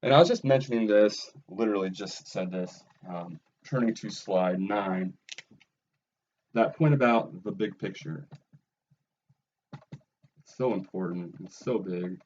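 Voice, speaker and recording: A man's voice: sits low, measured pace, pauses often, a little mellow, lo-fi sound, a little hiss or hum. A man lecturing on philosophy in a recorded video lesson, earnest and emphatic, often checking in with "right?" and "okay?".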